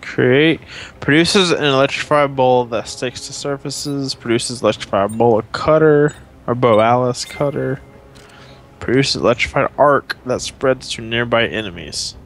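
A man's voice: medium pitch, a little slow, a bit bright, slight background noise. A man playing a co-op game, bantering and laughing easily in casual let's-play commentary. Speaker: co-op gaming partner.

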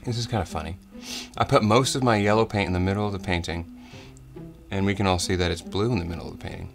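Deep-voiced man hosting a comic painting tutorial. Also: fairly even intonation, quick pace, gravelly, over music. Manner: soft-spoken tutorial voice slipping into crude jokes. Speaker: comedy host. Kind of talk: comedic painting tutorial parody.

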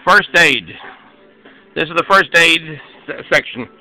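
A man reading a children's picture book aloud, pausing to explain each page in a chatty, halting way. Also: fairly high pitch, bright, forceful tone, faint music behind, poor audio. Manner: chatty, explains as he goes, hesitant restarts. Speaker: storybook reader.

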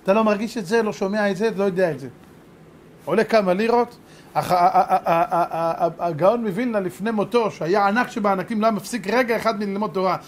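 A man, a rabbi, giving a religious lesson full of stories, animated and rhetorical, repeating points for emphasis. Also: high-pitched, slight background noise.

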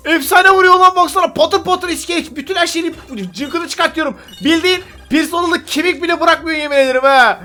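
A man's voice: extremely high pitch, a little fast, hardly any pauses, bright, forceful tone. A man giving casual, chatty gameplay commentary to his viewers. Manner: chatty, addresses viewers as friends. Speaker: gaming YouTuber. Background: faint background music.

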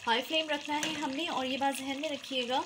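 A woman's voice: high voice, steady tone, fairly quick. Home cooking host, woman, patient step-by-step teacher, frying noise behind. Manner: explains step by step, often adds "theek hai". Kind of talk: recipe walkthrough over cooking footage. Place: home kitchen. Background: sizzling oil and stirring.

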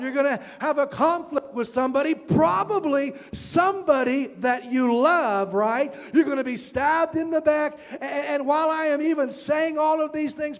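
High-voiced man preaching in a hall. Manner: animated preaching with audience call-outs. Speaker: pastor. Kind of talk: sermon.

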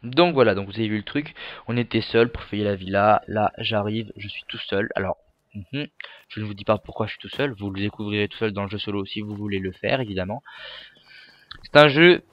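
A teenage boy giving casual, excitable gameplay commentary from his bedroom, joking and swearing freely. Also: on the low side, fairly quick, no echo, highs cut off. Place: bedroom at home.

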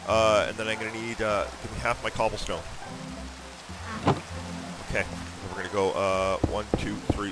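A man giving excitable let's-play commentary, thinking aloud and talking to his viewers. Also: on the low side, low-quality recording. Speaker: gaming YouTuber.

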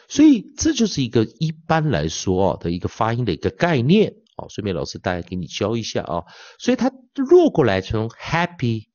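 A male pronunciation teacher giving an online lecture, dotting his speech with drawn-out filler particles and slowly repeating demonstration words. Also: fairly low pitch, darkish tone, no room sound. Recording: dull lo-fi dry sound.

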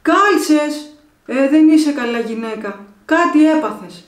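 A woman voicing a grumpy, half-awake old village husband who scolds in a raised, gruff voice, in an echoey room. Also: sits high, lively intonation, pitched above the performer's own voice. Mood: annoyed.

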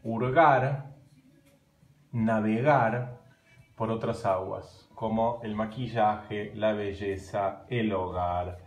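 At night in his echoey home kitchen, an Argentine live streamer chats casually in Argentine Spanish, animated and gesturing as he goes. His voice is on the low side and extremely slow, and the recording from a phone camera at arm's length comes through muffled and roomy.

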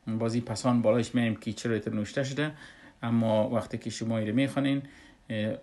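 A man, a Quran recitation teacher who explains a lesson step by step and pauses often on drawn-out "uh" sounds. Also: medium pitch, fairly even intonation, a little mellow. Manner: unhurried, with frequent drawn-out "uh" pauses.

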